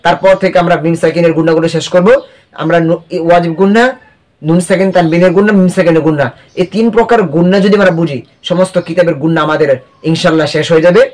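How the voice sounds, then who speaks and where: A man with a high voice leads a recitation lesson in a patient, drilling way. He asks a question, answers it himself, then repeats the word slowly. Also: steady tone, a little mellow. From Bangladesh. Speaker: Quran reading teacher.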